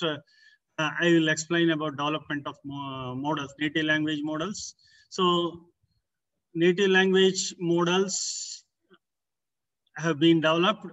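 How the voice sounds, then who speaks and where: A man giving an academic research presentation, explaining in short, halting phrases as a conference presenter. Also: a little high, bright, forceful tone. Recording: distant, far from the microphone.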